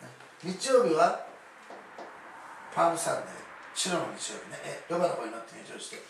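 Fast-talking pastor with gravelly voice. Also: male voice, on the high side, expressive, background noise. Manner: chatty, laughing asides, tag-question "ne". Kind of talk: animated sermon storytelling. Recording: echoey hall, distant mic, faint ambience.

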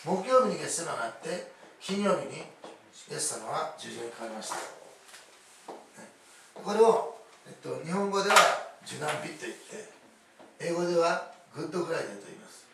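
A middle-aged pastor tells a story in a chatty sermon, tossing in laughing asides and frequently tagging his lines with "ne." His slightly high voice is animated and brisk with frequent pauses, captured by a distant mic in an echoey hall with faint ambience and background noise.

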